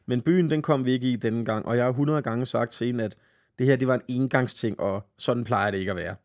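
A man hosting a podcast, reading a listener's story aloud in a lively, laughing way and stumbling over words now and then. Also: mid-range voice. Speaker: podcast host.

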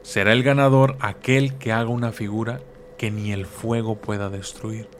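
A man's voice: lowish voice, flat delivery, moderate pace, slight background noise, close to an everyday voice. A man voicing a proud king in a folk legend, in a plain, commanding storyteller's voice. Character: proud, then desperate, male king.

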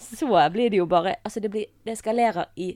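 Woman guest, casual storytelling, lively, dry sound. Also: mid-range voice, no room sound. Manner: lively storytelling, quick asides. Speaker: guest, mother. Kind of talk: casual podcast chat.

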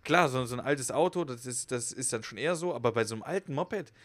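Young man, podcast co-host, rapid slangy storyteller. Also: medium pitch, lively intonation, fairly bright tone. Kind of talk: casual podcast chat.

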